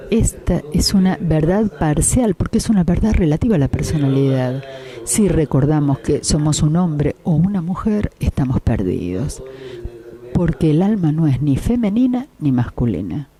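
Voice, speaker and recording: A man giving a spiritual lecture, speaking in a measured way with pauses and restarts, repeating key phrases. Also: a little high, dark tone. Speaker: spiritual teacher.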